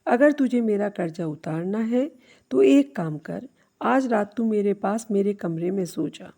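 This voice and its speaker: A woman voicing an aging mother who speaks calmly and gently in a storybook tale. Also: medium pitch, measured pace, vocal fry. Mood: gentle. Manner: calm and gentle. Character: aging mother, patient, loving, stern.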